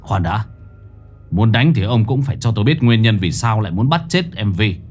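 A man's voice: fairly low pitch, expressive, moderate pace, darkish tone, soft background music, natural voice. A man voicing a blunt, defiant young exorcist in a spoken horror story. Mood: firm. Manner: blunt, firm.

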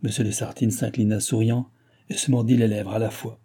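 A man reading a classic novel aloud in a measured, even way. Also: lowish voice, breathy edge. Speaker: narrator. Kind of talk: audiobook reading.

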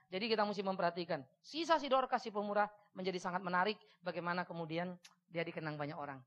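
Animated woman preaching, bright lo-fi sound. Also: medium pitch. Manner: animated, acts out voices of people in stories, humorous asides. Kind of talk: sermon. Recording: dull lo-fi sermon recording.

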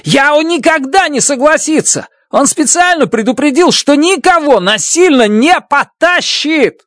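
A reader voicing a frightened male scientist who shouts and pleads in an audiobook. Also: high voice, animated, a little slow, dry recording, clean studio sound, voice pushed up. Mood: protesting. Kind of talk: audiobook character voice.

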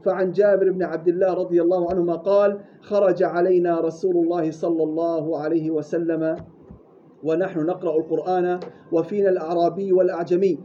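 A man teaching Quran recitation rules, demonstrating words slowly and correcting mistakes curtly. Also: high-pitched, flat delivery. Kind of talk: tajweed lesson with drills and reading aloud. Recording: dull lo-fi recording with faint hiss.

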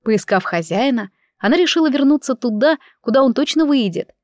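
A woman narrating a story aloud in a calm, even storytelling manner. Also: high voice, brisk, dry recording, clean studio sound. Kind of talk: storybook reading.

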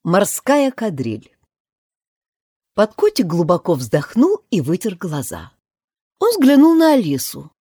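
Slow, expressive woman narrator. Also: lowish voice, breathy edge, no room sound, clean studio sound. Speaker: audiobook narrator. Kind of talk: scripted narration.

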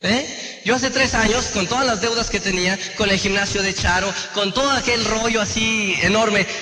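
A man giving a motivational sales training talk, animated and often asking his audience rhetorical questions. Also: sits high, moderate pace, slight background noise. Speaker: network marketing trainer. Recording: echoey hall with long reverb.

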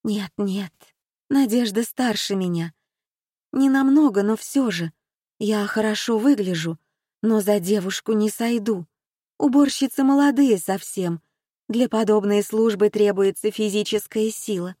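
A woman's voice: mid-range voice, a little slow, dark tone, dry recording, clean studio sound, lightly acted. A woman voicing a shaken, faltering older lady. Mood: anxious. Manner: faltering, moaning.

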